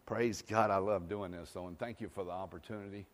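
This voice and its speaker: A man's voice: low-pitched, steady tone, brisk. Emphatic male preacher in a reverberant hall. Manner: emphatic, swings between hushed and loud, repeats phrases; jokes with the congregation. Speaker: pastor. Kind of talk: sermon.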